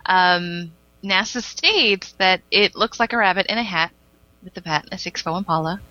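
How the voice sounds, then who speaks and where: A woman co-hosts a casual chat podcast with a bright, forward voice. She reads a news item with frequent ums. The sound is dry and a little muffled. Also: lowish voice, animated, normal speed, dry recording. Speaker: podcast co-host.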